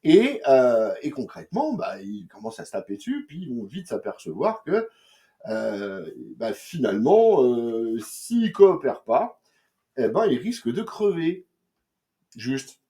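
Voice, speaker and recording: A man's voice: medium pitch, big pitch swings, a little slow, dark tone. A man reviewing comics in casual chat, slangy and joking, rambling with many fillers and restarts.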